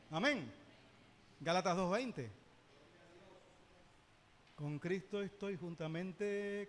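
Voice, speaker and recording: A man with a high voice leads a church Bible lesson, breaking into playful asides and asking his listeners questions. His voice rings out with a long reverb around the church, with a faint hiss beneath it. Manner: lively, joking asides and rhetorical questions. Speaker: Sunday school teacher.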